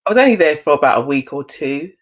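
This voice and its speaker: A woman from Antigua, a guest in a casual online chat, talking lively and bantering playfully over a video call. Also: sits low, fast talker.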